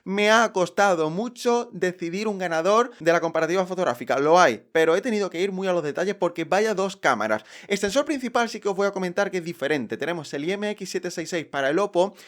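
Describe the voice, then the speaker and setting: A man's voice: sits high, brisk, hardly any pauses. A man, hosting a casual, playful tech review vlog. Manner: playful, chatty, energetic.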